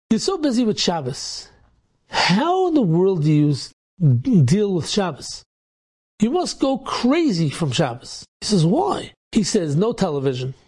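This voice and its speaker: A man's voice: high-pitched, slightly rough. A man, a rabbi, telling an inspirational story and acting out the dialogue with energy. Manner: animated, acts out dialogue in quotes.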